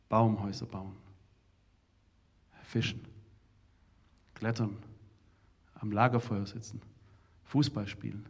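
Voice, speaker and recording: Husky man telling lively stories. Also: medium pitch. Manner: animated, shouts out remembered dialogue. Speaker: speaker addressing an audience of young people and parents. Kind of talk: lively storytelling talk.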